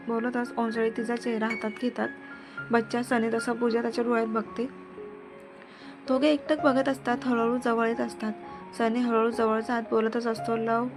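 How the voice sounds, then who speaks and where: A woman reading a romantic serial story aloud, voicing all the characters herself without much change in her voice. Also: fairly high pitch. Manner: reads every character herself with little change in voice. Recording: music bed under voice.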